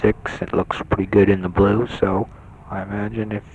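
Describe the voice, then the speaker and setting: Speaking at normal speed in a level, darkish voice on the low side, a young hospital patient quietly tapes a letter home, rambling with lots of fillers. The close-held portable recorder mic makes it sound dull and lo-fi, with slight background noise and other patients chatting in the ward.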